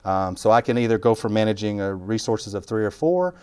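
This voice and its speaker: Man, fire captain, middle-aged, self-deprecating, fairly low pitch. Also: animated, a little fast, darkish tone, clear, resonant tone. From Texas Panhandle. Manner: joking, self-deprecating, talks while chewing. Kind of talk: casual interview.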